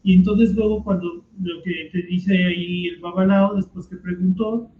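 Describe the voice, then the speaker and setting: A man's voice: high-pitched, fairly even intonation, normal speed. A man explaining in a conversational lecture, often asking rhetorical questions. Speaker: teacher leading a commented reading. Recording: roomy, dull lo-fi sound.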